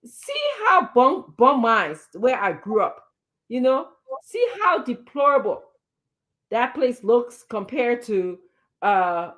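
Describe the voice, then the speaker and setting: Fired-up woman with a higher voice. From Liberia. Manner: emphatic and indignant, with repeated words and rhetorical questions. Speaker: political talk show panelist. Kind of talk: impassioned political commentary.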